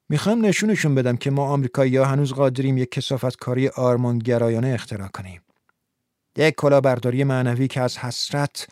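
A man voicing a brooding, scheming young male idealist in an audiobook, speaking in a low mutter. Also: a little mellow, dry recording, clean studio sound, lightly acted. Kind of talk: audiobook character voice.

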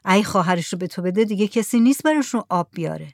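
Woman reader voicing an older village headman, brisk and persuasive, storybook tale. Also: mid-range voice, animated, dry recording, studio quality, close to an everyday voice. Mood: coaxing.

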